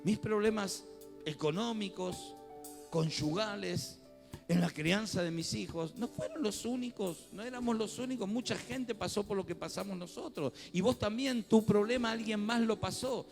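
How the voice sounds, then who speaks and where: High-voiced Rioplatense pastor preaching. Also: male voice, moderate pace, creaky, soft background music. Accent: Rioplatense Spanish. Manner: conversational preaching with rising fervent swells. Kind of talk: sermon. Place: church.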